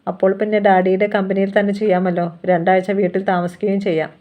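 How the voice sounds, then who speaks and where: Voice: mid-range voice, little pitch movement, a little fast, phone-quality sound, natural voice. A narrator voicing a friendly college teacher. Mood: encouraging. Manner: friendly, encouraging questions. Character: college teacher guiding a final-year student. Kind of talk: storybook reading.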